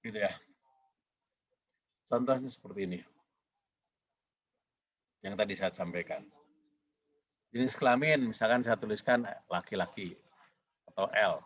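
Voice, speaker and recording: A man's voice: on the low side, measured pace, long pauses, a bit bright, husky, no echo, lo-fi sound. A man giving a recorded programming lecture, talking in a rambling, repetitive way with many fillers.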